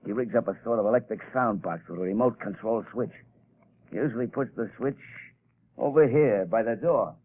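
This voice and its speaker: A gruff gangster character, sneering and menacing, is played by an actor in a 1930s radio drama captured on a tinny old broadcast. He talks tough-guy slang in a natural, somewhat low voice, going a little fast.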